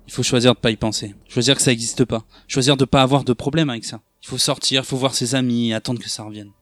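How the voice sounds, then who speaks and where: A man's voice: medium pitch, steady tone, fast, a bit bright, no echo, lightly acted. A man voicing a raging self-hating young thug. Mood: brooding. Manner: raging, pleading, rough street slang. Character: young male street thug, bitter, self-loathing. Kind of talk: dramatic monologue reading.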